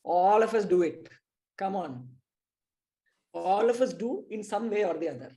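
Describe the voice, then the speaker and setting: A woman's voice: mid-range voice, animated, unhurried, warm tone. A woman with an Indian English accent leading a live online spiritual class, speaking emphatically and addressing her listeners directly. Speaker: spiritual teacher.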